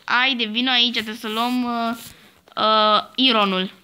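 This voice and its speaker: A woman's voice: fairly high pitch, fairly even intonation, pushed and bright, clean tone. A young woman hosting a casual Minecraft let's-play, bossy and teasing toward her friend. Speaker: host.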